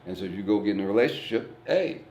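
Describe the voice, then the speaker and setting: A man's voice: deep voice, fairly even intonation, very fast, a little mellow, a little hiss or hum. Earnest plainspoken man in a roomy space. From East St. Louis, Illinois. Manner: earnest, plainspoken, swears casually, repeats words while thinking. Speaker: guest comedian. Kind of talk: casual reflective conversation. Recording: roomy echo.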